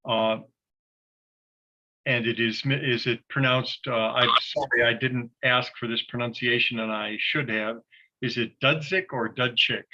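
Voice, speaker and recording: A man serving as judge in a virtual mock trial, speaking politely and haltingly with many fillers over a video call. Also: medium pitch, flat delivery, background noise. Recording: dull lo-fi video call audio.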